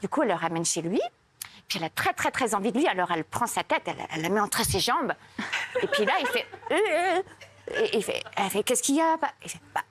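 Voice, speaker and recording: A woman's voice: mid-range voice, big pitch swings, quick pace, fairly bright tone, husky. A woman telling jokes on a TV comedy show, hesitating often and giggling at her own stories. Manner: hesitant, many "euh" fillers, giggles. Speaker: joke teller. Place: TV studio.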